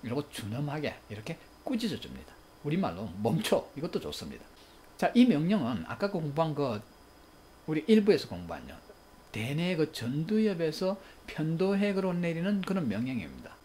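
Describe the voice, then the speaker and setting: A man's voice: on the high side, wildly swooping pitch, a little fast, dark tone, a little hiss or hum. A middle-aged man giving a recorded lecture on parenting skills, acting out quoted family exchanges.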